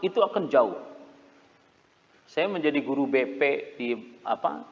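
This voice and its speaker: A middle-aged man preaching a mosque sermon, animated and storytelling, sometimes laughing and mimicking shouts. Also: medium pitch. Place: mosque hall. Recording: muffled reverberant hall recording.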